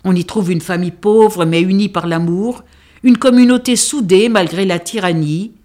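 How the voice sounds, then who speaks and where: A woman presenting a novel, moving between narrated passages and her own review. Her reading is clear and measured, in an average register. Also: mid-range voice, a little mellow. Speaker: book reviewer and reader. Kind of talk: reading a book aloud and reviewing it.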